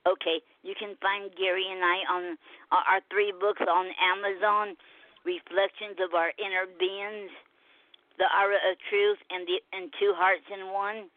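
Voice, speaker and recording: A woman's voice: mid-range voice, flat delivery, a little slow, dry recording. A woman calling in to a live show over the phone, listing where to find her work with many hesitant fillers and restarts. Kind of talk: casual chat. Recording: tinny dry phone line.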